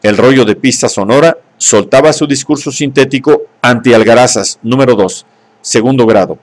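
Male audiobook narrator, steady and measured, mid pitch. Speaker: audiobook reader.

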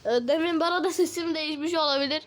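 A woman giving casual, slangy gameplay commentary while lying down, breaking into excited shouts. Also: high-pitched, very fast. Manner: talks lying down. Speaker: gaming video host.

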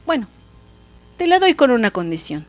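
A woman voicing a proud, short-tempered old king with loud, bossy outbursts. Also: a little high, very animated, moderate pace, faint music behind, pitched above the performer's own voice. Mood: grudging.

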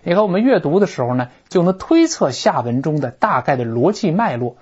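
A man's voice: a little high, a little fast, breathy edge. A man teaching English through a textbook text, explaining in a chatty, colloquial way. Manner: lively, colloquial, northern-style chatty explanations. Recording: dull lo-fi recording.

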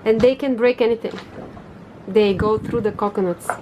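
A woman vlogger with a Bulgarian first language, excitedly explaining things to camera on a sailing boat. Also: mid-range voice, normal speed, highs cut off, background noise. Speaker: vlogger, sailor.

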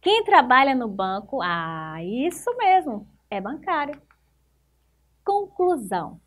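A Brazilian woman teaching young children, her voice set a little high. She speaks very slowly and deliberately, stretching out words and praising answers as she corrects the worksheet. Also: very animated, fairly bright tone. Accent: Brazilian Portuguese. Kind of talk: primary school lesson correcting exercises.

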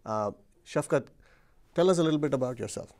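A middle-aged man hosting a formal interview in a studio, introducing his guest and asking questions in a measured way. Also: mid-range voice, expressive, darkish tone. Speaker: interviewer, program director. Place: dark studio set, seated. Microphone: lapel mic.

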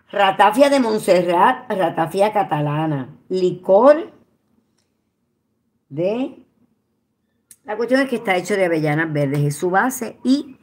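Slow-talking Puerto Rican woman vlogger. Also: mid-range voice. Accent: Puerto Rican Spanish. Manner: chatty and expressive, swears casually. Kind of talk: casual chat to followers. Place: at home, indoors.

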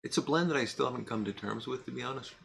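In a cluttered indoor workshop, a middle-aged vlogger chats to camera in a mid-range voice with vocal fry, over a slight hiss or hum. He's relaxed and rambling, with lots of fillers and restarts, and pauses now and then to draw on his pipe.

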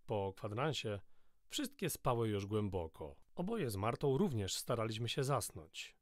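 An audiobook narrator, a man with a fairly low voice, reads a first-person novel in a steady, measured storytelling manner. He's close to the mic, and there's no echo.

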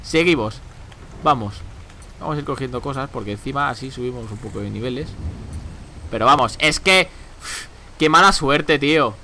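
A young man talks through his gameplay in an animated, bright voice that swings widely in pitch. He is chatty and exasperated, swearing and exclaiming at his bad luck. A faint hiss of noise sits under the desk-mic recording. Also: moderate pace, pauses often. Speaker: gameplay commentator. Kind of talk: casual game commentary.

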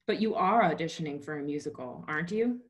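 A woman reading aloud and voicing a polite, knowing young city man in her own low voice. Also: expressive, fast. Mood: polite teasing. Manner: polite, smooth.

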